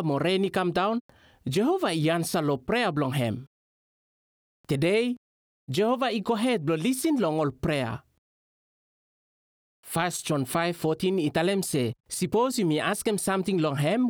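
A man's voice: high voice, no room sound. Guy from vanuatu style melanesian pidgin, bible teacher talk, really up and down voice, dry sound. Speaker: religious teacher.

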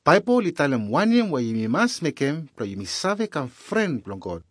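A man's voice: a little high, very animated, moderate pace, a bit bright, dry recording. A man with a Melanesian Pidgin accent, narrating a scripted Bible lesson as its presenter.

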